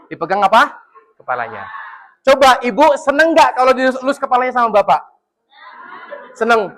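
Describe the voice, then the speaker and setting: A man with a Javanese accent giving a lively parenting talk to parents at a school, joking with them and acting out parents and children. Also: extremely high pitch, normal speed. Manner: jokes with the audience and acts out parents and children. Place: school hall with a parent audience.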